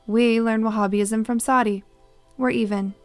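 A woman's voice: fairly high pitch, steady tone, moderate pace, no echo. A woman podcast host reading scripted news narration. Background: faint music.

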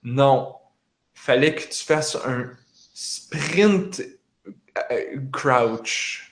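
Man, Quebec French accent, casual chat, rambling storyteller, mid-pitched voice. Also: drawn-out words, vocal fry. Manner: rambling storytelling with frequent fillers. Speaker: gamer recounting a video game.

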